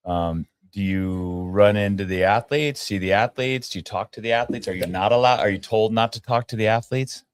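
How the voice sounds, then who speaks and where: A man's voice: on the low side, moderate pace, hardly any pauses, clean tone, no echo, clean studio sound. A man hosting a casual podcast chat, telling rambling stories with frequent laughs and restarts. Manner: rambling storyteller, laughs often, many restarts. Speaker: podcast host.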